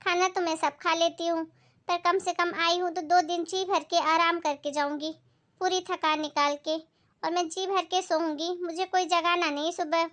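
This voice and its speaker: A woman's voice: extremely high pitch, little pitch movement, normal speed, a bit bright. A woman playing an outspoken young married daughter who complains about her in-laws, in a family moral skit. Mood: demanding.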